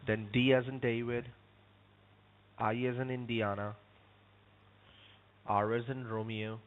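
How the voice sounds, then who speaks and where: A man's voice: medium pitch, level tone, slow. A polite man working as a phone support agent, pronouncing v like w and often saying sir. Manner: says v like w; polite, repeatedly addressing the caller as sir. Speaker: phone scammer posing as tech support agent. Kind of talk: scripted phone support talk turning to chat. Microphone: phone call. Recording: tinny narrow phone line.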